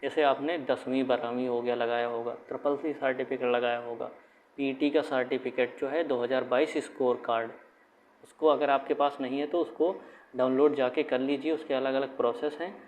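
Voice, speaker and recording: A man's voice: mid-range voice, steady tone, moderate pace, a little mellow. A man giving an informal explainer for exam candidates, talking conversationally, often repeating himself and restarting his phrases. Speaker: exam guidance YouTuber. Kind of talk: casual explainer talk to camera. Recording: dull lo-fi sound with faint room noise.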